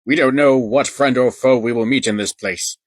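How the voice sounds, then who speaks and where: A man's voice: medium pitch, normal speed, no echo, pitched above the performer's own voice, close to an everyday voice. A man voicing a brave male action-figure leader in an audiobook, giving firm, commanding orders. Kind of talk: audiobook character voice.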